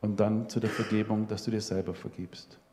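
A man's voice: on the low side, level tone, brisk, a little hiss or hum. Man preaching in a reverberant hall. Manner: emotional storytelling, drops to a soft hush. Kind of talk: sermon testimony. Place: church hall.

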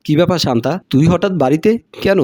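A kind older brother who looks after his sister, read by a man in his fairly high voice. A plain storybook reading. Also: quick pace, a little mellow, no echo, close to an everyday voice. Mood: gentle.

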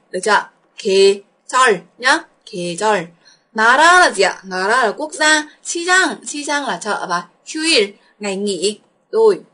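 A Vietnamese woman teaching a Korean exam walkthrough, coaxing her students with quick questions. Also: on the high side, fairly bright tone, breathy edge.

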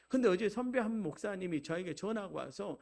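A man preaching a Sunday sermon as pastor, exhorting the congregation and swinging from loud, rising preaching to quiet, conversational storytelling. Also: high voice, lively intonation, brisk, vocal fry. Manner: exhorting, repeatedly addresses the congregation.

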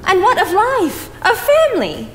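A woman's voice: extremely high pitch, wildly swooping pitch, unhurried, fairly bright tone, full character voice. A young woman playing a prim, indignant, gossipy small-town busybody in a stage play. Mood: prying, indignant. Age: young adult. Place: indoor theatre stage. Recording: echoey theatre stage, noisy, distant mic.

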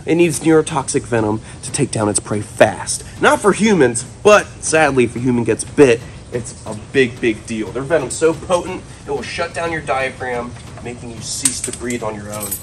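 A man in his twenties with a medium-pitched voice hosts a hands-on animal vlog. He talks casually and with playful enthusiasm, often exclaiming as he works. He is in a large metal-walled room, a few feet from the camera, with music behind him. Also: slight background noise. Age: 20s. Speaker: host, snake keeper. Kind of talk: casual vlog commentary while handling animals.

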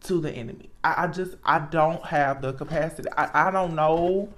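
Halting, earnest tarot reader with mid-pitched voice. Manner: halting, repeats words, emphatic and earnest. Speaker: tarot reader, channel host. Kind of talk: casual, reflective spoken tarot reading.

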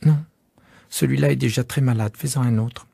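A man voicing a gentle, curious little boy prince in a storybook reading, softly and often half-whispered. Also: medium pitch, fairly even intonation, normal speed, creaky, slightly rough, dry recording, studio quality, voice pushed up. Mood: pleading.

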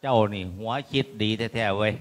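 A man's voice: lowish voice, brisk, pitched below the performer's own voice, lightly acted. A man playing a swayed Isan husband. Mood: admiring. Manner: exclaiming, comic. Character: henpecked young husband, easily swayed. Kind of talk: comic Isan sermon drama.

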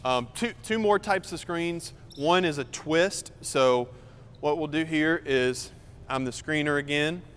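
A man's voice: fairly high pitch, a little slow, a bit bright. A young man explains basketball moves in a loose, conversational way as he demonstrates them. His voice rings out with a long reverb in a large indoor gym. A faint noise sits underneath. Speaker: basketball coach. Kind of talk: casual on-court demonstration.

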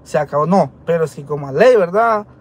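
Earnest high-voiced Guatemalan man. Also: expressive, fairly quick. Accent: Guatemalan Spanish. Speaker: vlogger telling his side. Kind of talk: casual talk to camera. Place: dental clinic waiting area.

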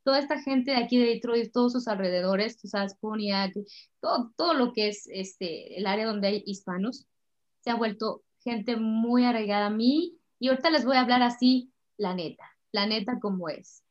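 A middle-aged Mexican woman, a singer, chatting warmly and emotionally in an interview. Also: fairly high pitch, normal speed. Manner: warm, chatty, emotional storytelling. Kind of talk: casual interview chat. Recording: slightly dull lo-fi sound.

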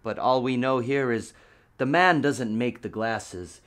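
A man in his thirties delivers an audition monologue at a middling pitch. He talks conversationally, like he is telling a story to camera, and leans hard on words with exaggerated disbelief. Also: measured pace, fairly bright tone. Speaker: actor auditioning for a commercial. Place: indoor studio with a green screen.

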